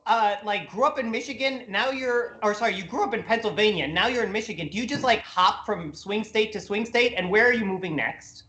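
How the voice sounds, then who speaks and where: A man's voice: high-pitched, fairly quick, few pauses, bright, forceful tone. A man from Minnesota hosting a comedy panel, upbeat and chatty with many fillers. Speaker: host. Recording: roomy echoey sound.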